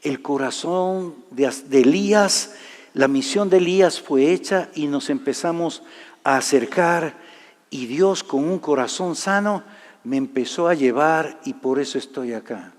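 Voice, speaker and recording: A man preaching a sermon, telling a personal story and swinging from loud to hushed delivery. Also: fairly high pitch, unhurried. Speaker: pastor. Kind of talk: sermon testimony. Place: large church hall. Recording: live church hall reverb.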